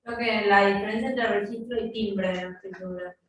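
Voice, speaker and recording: A woman's voice: medium pitch, fairly even intonation, moderate pace, a bit bright. A woman taking part in a group discussion on a video call, speaking hesitantly and unsure of herself. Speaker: workshop participant. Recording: very echoey room, faint noise.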